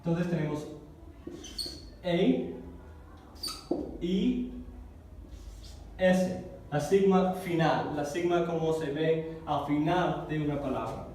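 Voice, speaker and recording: A man teaching a Greek class, slowly spelling out letters and syllables for his students. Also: fairly high pitch, mellow, slight background noise. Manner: slow, spells out letters one by one. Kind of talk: classroom lesson at a whiteboard. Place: church classroom. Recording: echoey room, voice from far off.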